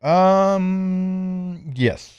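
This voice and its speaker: A man hosting a live sports radio talk show from a studio, chatting in a relaxed, joking way with plenty of fillers. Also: high voice, very slow, clean tone, lo-fi sound.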